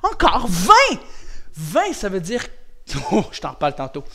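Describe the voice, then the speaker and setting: A middle-aged man with a Quebec French accent, coaching children through a karate class, shouting drill commands and counting aloud, then explaining gently and laughing often. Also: on the high side, very animated, normal speed, gravelly, crowd noise. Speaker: karate instructor. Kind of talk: energetic online kids' martial arts class.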